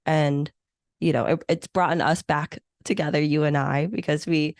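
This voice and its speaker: In a conversational interview, a woman in her thirties who plans meetings speaks in a low-pitched, steady, gravelly, somewhat mellow voice at normal speed. She was born in Hong Kong, raised in the U.S., and first spoke Chinese or Vietnamese; her eager, reflective talk is full of fillers, and the clean studio recording has no echo.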